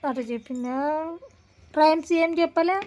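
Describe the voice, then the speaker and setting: A woman's voice: high voice, normal speed, a little mellow. A woman, a mother, talking casually with her young daughter at home, coaxing and scolding. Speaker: mother and vlogger.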